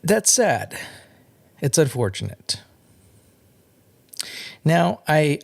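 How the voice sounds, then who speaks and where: Podcast host, male, gravelly voice that rises and falls widely, earnest solo monologue. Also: mid-range voice, a little mellow. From California. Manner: earnest, measured, with repeated restarts.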